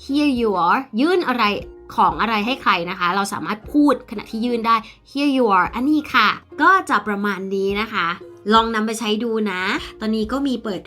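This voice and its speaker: A young Thai woman teaching English in a casual video lesson, explaining in Thai and saying English phrases slowly and clearly. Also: on the high side, pushed and bright, faint music behind. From Thailand.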